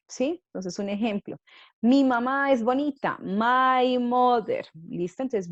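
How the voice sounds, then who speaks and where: A woman's voice: medium pitch, no echo, muffled recording. A woman English teacher giving a grammar lesson, explaining patiently step by step and checking in with her students often.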